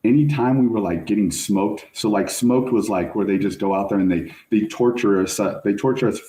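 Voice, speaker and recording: Middle-aged male guest, storyteller, slangy and animated, warm dark tone, roomy sound. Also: fairly low pitch, brisk. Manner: animated, slangy, says "like" and "bro" often. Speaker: guest, fire service chief officer. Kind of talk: casual storytelling in podcast interview. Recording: roomy echo.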